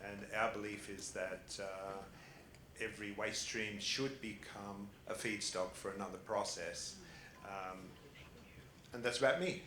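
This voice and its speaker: Here the Australian panelist, founder of a family office, talks a little slowly in a steady, fairly low, slightly bright voice, still chatty and laughing with plenty of fillers and restarts. The casual conference-hall recording is roomy, with faint ambience and a touch of hiss or hum.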